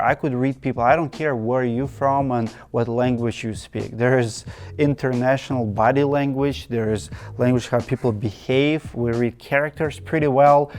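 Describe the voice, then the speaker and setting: This host from Russia, speaking with a Russian accent on his channel, has a medium-pitched voice with a darkish tone. He's earnest and direct, working through his advice to camera item by item and repeating things emphatically.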